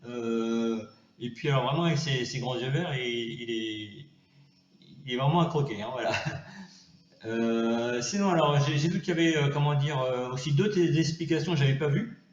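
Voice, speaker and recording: A man rambling through a comedic vlog, full of fillers and restarts, sometimes switching to high cooing baby talk. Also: moderate pace, echoey room, highs cut off, slight background noise. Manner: hesitant, many fillers and restarts. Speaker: vlogger. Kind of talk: improvised comedic monologue.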